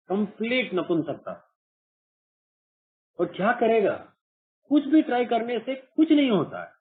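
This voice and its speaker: Earnest Indian man on a tinny call. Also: high voice. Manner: earnest, repetitive, acts out his own past voice. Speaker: recovering alcoholic sharing at a meeting. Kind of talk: personal testimony at an online support meeting. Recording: muffled phone-like online call audio.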